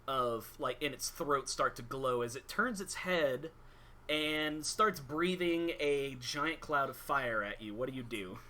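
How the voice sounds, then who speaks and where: A man working as game master, casually narrating a tabletop game in halting, improvised explanations. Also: medium pitch, lively intonation, pushed and bright.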